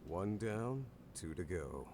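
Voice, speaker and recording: A man's voice: sits low, sing-song, slow pace, dark tone, slight background noise, heavily acted. A man playing a smug, flirtatious talking demon book in a video game, speaking formally and theatrically as a grandiose magical companion. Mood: measured, instructive. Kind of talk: video game character acting.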